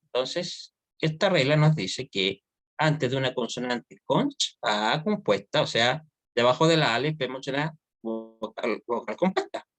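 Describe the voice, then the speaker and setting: A man's voice: medium pitch, animated, unhurried, fairly bright tone, no room sound. A man teaching an online Hebrew grammar class, explaining step by step and often checking that students follow.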